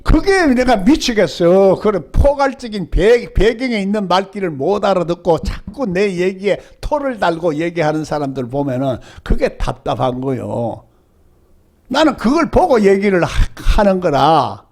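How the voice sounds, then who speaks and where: A man's voice: high voice, big pitch swings, normal speed, a little mellow. An older male pastor with a Gyeongsang Korean accent, preaching a sermon and often asking the congregation rhetorical questions.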